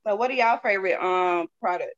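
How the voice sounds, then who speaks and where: Here a woman with a Southern US accent talks fairly quickly at a medium pitch. As an interview guest and product seller, she offers a folksy, candid testimonial, repeating phrases to drive her points home, captured in dull lo-fi sound.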